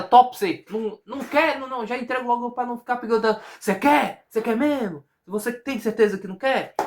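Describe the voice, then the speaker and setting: A man's voice: high voice, fairly bright tone, slight background noise. A man with a Brazilian accent talking casually to camera, rambling, repeating himself and asking himself questions as he thinks aloud. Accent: Brazilian Portuguese. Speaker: vlogger. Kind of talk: casual personal monologue.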